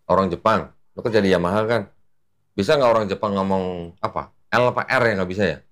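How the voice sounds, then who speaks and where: A man's voice: low-pitched, a little fast, fairly bright tone. A man, an Islamic preacher explaining at length in casual talk, patient and full of fillers.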